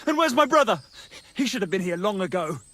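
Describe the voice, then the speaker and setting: An actor playing a menacing, panicky medieval hostage-taker in a video game, threatening and agitated, swearing coarsely. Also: male voice, high-pitched, animated, moderate pace, pushed and bright, exaggerated voice. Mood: desperate, agitated. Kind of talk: dramatic video game acting.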